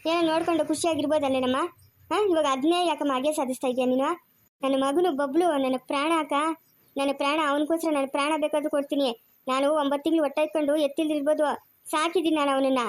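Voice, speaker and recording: A woman's voice: high-pitched, steady tone, rapid-fire, close to an everyday voice. An actress with a rural Chikkaballapur Kannada accent playing a bitter, defiant young mother who fires off accusing questions in an amateur family drama. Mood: resentful.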